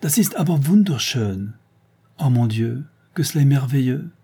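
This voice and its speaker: A man reading a story aloud and giving the lines of a poor, shy little girl of eight or nine who marvels softly. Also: medium pitch, a little slow, slightly rough. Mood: amazed.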